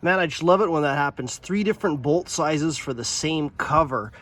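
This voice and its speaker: In this casual repair vlog, the workshop channel host, a father of a daughter somewhere between young adult and middle age, talks offhandedly while working beside a mower in his home workshop or yard. A sinus infection makes his voice slightly nasal; it sits a little high, fairly bright, at a moderate pace, with faint music behind. He thinks aloud, dropping plenty of uhs.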